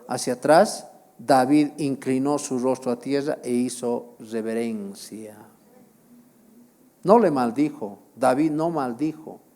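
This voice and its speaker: Male pastor, sermon delivery, unhurried and dark-toned, emphatic and repetitive, questioning the congregation. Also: mid-range voice. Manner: slow, emphatic preaching with repeated phrases and questions to the congregation.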